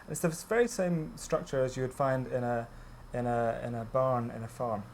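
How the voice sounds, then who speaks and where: A man's voice: mid-range voice, moderate pace. Male designer, middle register, practical interview explanation, slight background noise. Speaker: bridge designer.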